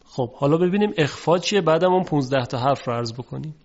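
Man, recitation teacher, recorded lesson, patient and formal, slowly stretched demonstrations, dull muffled audio. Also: a little high, animated.

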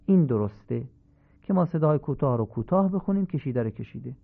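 A middle-aged man teaching correct Quran recitation on a radio lesson, explaining calmly and reciting phrases slowly to demonstrate. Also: mid-range voice, gravelly. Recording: tinny phone-like old radio recording.

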